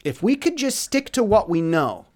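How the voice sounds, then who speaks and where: An earnest man talks through life advice in a casual, reflective monologue. His voice sits a little high and moves a lot in pitch. He stammers into restarts and drifts between louder, emphatic stretches and quiet ones. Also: very animated, moderate pace. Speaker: speaker giving life advice.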